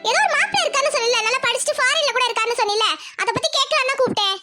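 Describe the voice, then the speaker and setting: A woman's voice: very high voice, very fast, pushed and bright, no room sound, soft background music. A woman voicing a suspicious, scolding village mother. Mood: firm. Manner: scolding, suspicious, rural Tamil speech. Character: anxious strict village mother, middle-aged woman. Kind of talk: cartoon voice acting.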